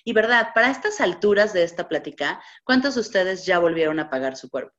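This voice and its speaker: Low-voiced woman coach, muffled lo-fi audio. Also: expressive, quick pace, a bit bright. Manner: asks a stream of coaching questions and chants clearing phrases. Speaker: body-positivity coach. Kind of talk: motivational live talk to an audience. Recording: muffled lo-fi recording.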